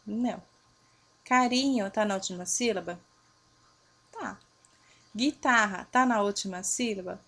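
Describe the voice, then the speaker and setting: A woman teacher, giving a recorded lesson to her pupils, patiently asking and answering her own questions and spelling out letters slowly. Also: mid-range voice. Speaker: primary school teacher. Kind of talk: recorded remote grammar lesson.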